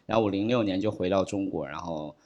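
A man's voice: low voice, fast talker, darkish tone, highs cut off. A man in his thirties who grew up in the United States, a podcast guest chatting casually and rambling, dropping English fillers into his talk. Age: 30s. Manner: mixes English fillers like "you know, like" into Chinese; rambling, with frequent restarts and repeated words.

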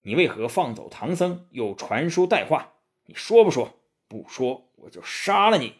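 A man voicing a fierce, hot-tempered male demon king in a storybook tale, shouting threats and muttering schemes. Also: fairly high pitch, sing-song, moderate pace, breathy edge. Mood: furious.

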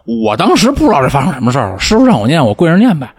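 A man with a Beijing accent telling stories in a casual chat, animated and acting out the shouts of the people in them. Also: a little high, very fast, breathy edge. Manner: animated storyteller, acts out shouts. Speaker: podcast host, former lama.

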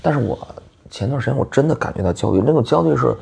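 A man's voice: medium pitch, lively intonation, fast, creaky, darkish tone. A man, a bar owner guesting on a podcast, talking candidly in casual chat. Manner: candid, colloquial, trails off and restarts.

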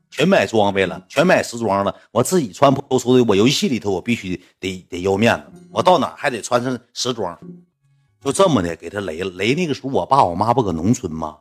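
A young man with a Northeastern Chinese accent, casually telling a story about his school days, getting animated and climbing high in pitch when worked up. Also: brisk, breathy edge, soft background music.

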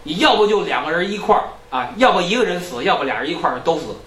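A man lecturing in a lively storytelling style, acting out characters' lines. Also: high voice, fast, roomy sound, distant mic, slight background noise, rough recording.

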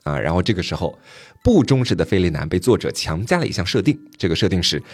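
Chatty male podcast storyteller, lively pitch. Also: fast talker, slightly rough, no room sound. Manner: chatty, joking asides, laughs at the story.

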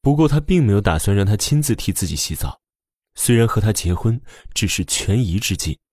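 A man narrating an audiobook drama with expressive storytelling. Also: on the low side, a little fast, dry recording, clean studio sound.

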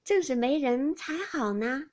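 A woman's voice: sits high, animated, measured pace, darkish tone, voice pushed up. A woman voicing a shrewd, jealous noblewoman who mocks with cold insinuation. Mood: mocking.

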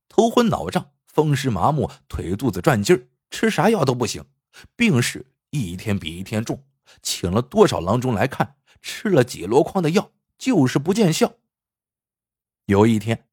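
A man narrating a folk tale in an animated, vivid storytelling manner. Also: medium pitch, husky, dry recording, studio quality.

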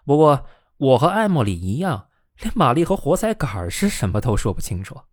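A man reading the lines of a shrewd, easygoing young college student in a storybook reading, with a measured, wry delivery. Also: medium pitch, big pitch swings, no echo, clean studio sound, voice pushed up. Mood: musing.

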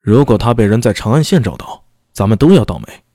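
A man's voice: fairly low pitch, expressive, fairly quick, dark tone, no room sound, clean studio sound. A man voicing an angry, foul-mouthed male constable chief in an audio story, blustering and cursing.

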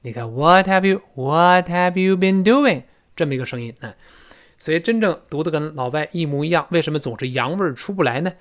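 Male English teacher with a fairly high voice, drilling phrases slowly in a recorded lesson. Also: expressive.

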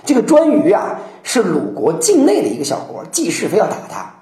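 A woman lecturing on classical poetry, telling stories in an animated way and acting out quotations. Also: mid-range voice, a little fast. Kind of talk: lively storytelling lecture. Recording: roomy echo.

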